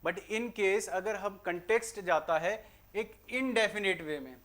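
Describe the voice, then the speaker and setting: A man with an Indian accent teaching an exam-prep grammar lesson, explaining in Hindi and slowly reading out English sentences. He keeps asking rhetorical questions and answering them himself. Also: sits high, fairly bright tone. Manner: asks and answers his own rhetorical questions.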